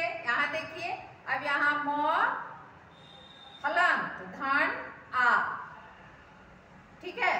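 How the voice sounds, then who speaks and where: A woman teaching Hindi grammar in an online class, going over each step slowly and asking the students check questions. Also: very high-pitched, bright, forceful tone, distant mic, slight background noise. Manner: slow, repetitive teaching with frequent check questions. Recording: echoey room, voice from off the mic, faint ambience.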